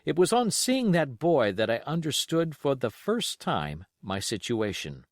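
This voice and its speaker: An audiobook reader, a man, narrates classic adventure fiction in a middle-pitched voice with measured, expressive delivery that rises and falls animatedly. The recording is dry, with no room around it.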